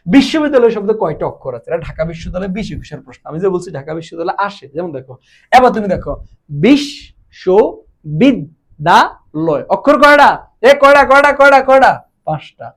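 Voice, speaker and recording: A man gives an online exam-prep lesson in a high, very animated voice that leaps up and down between phrases. He keeps firing questions at his students and drags example words out slowly to demonstrate. He talks to them in a casual, brotherly way. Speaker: Bengali admission tutor.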